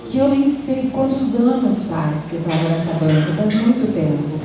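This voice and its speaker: A woman's voice: mid-range voice, lively intonation, moderate pace, mellow. A Brazilian woman on an academic panel, talking in a reflective way with many hesitations and tag questions. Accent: Brazilian Portuguese. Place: university amphitheater. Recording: echoey hall, distant mic, faint noise.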